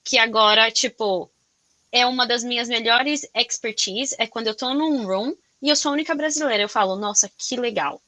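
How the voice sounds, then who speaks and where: Expressive Brazilian woman with a bright voice. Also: a little high, normal speed, no echo. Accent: Brazilian Portuguese. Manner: loud, expressive, animated storytelling. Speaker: corporate sales professional. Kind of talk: casual interview chat.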